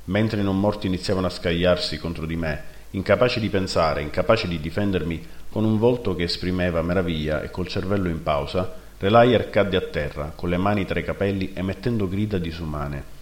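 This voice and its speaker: A man narrating a first-person fantasy story in a steady, measured reading, in a roomy recording. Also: low voice. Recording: roomy echo.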